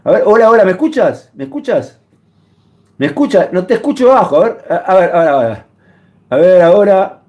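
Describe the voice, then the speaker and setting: A man's voice: high-pitched, sing-song, a little fast, dull audio. A man hosting a heated live-stream call-in, badgering callers with repeated insults. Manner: insulting, repetitive, badgering shouts. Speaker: streamer taking calls.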